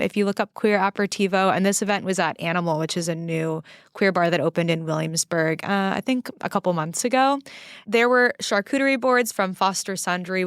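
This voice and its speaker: A woman co-hosting a podcast, relaxed and fluent, often saying "like" and "kind of". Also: lowish voice, clean tone, no room sound, clean studio sound. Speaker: podcast co-host. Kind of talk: casual chat. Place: New York studio.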